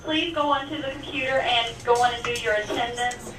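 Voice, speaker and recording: A high-voiced woman speaks over a school intercom in a polite, formal announcing tone. Her voice comes through a distant loudspeaker, echoey and thin. A noisy classroom fills the space around it. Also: fairly quick. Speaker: school staff member making an announcement. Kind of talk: public address announcement.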